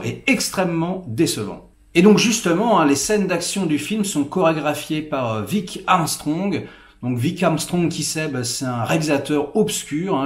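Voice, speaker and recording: Rambling man reviewing films, echoey room. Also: on the high side. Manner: rambling and hesitant, full of fillers. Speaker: film critic, channel host. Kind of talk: casual spoken film review.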